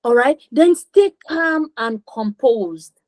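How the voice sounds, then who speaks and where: A woman's voice: fairly high pitch, animated, takes it slowly, darkish tone, no echo. Lady coach teaching kids over a video call, keeps asking okay?, dead dry sound. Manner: repeats for emphasis, acts out kids' voices. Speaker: confidence coach for teens. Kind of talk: online class teaching.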